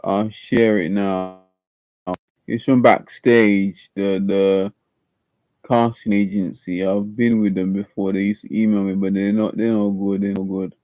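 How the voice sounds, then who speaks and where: Here a man with a slight Jamaican accent sits at home, casually livestreaming as he prepares an acting audition and reads instructions aloud, often repeating and restarting his words. His lowish voice is warm, a little slow, and shows little pitch movement. The recording is dry and rough.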